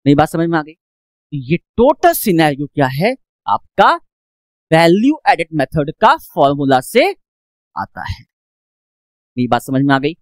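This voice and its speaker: A woman teaches a classroom economics lecture in Hindi, mixing in English phrases and repeatedly asking questions she answers herself. Her low voice is very animated yet unhurried, with frequent pauses and no echo.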